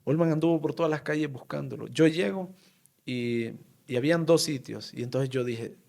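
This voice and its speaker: Halting Honduran man with a gravelly voice. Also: on the high side, a little mellow. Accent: Honduran Spanish. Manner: halting and emotional, many pauses, fillers and tag questions. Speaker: town mayor, interview guest. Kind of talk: personal storytelling in an interview.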